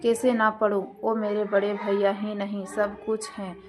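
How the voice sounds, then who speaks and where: A woman's voice: medium pitch, level tone, unhurried, background noise, close to an everyday voice. A woman voicing a young man who pleads with his sister-in-law, choked with tears, in a storybook reading. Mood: pleading.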